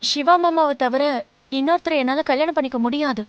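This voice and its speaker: An actress playing a young woman who gently coaxes and scolds her tearful cousin. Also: high voice, brisk, dry recording, muffled recording, close to an everyday voice. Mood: consoling. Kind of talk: TV serial acting. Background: background score music.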